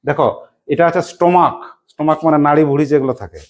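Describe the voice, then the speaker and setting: Woman teacher drilling grammar, low voice. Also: rapid-fire, a little mellow. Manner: drills by asking questions, then spelling words letter by letter. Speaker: English teacher. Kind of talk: classroom grammar lesson.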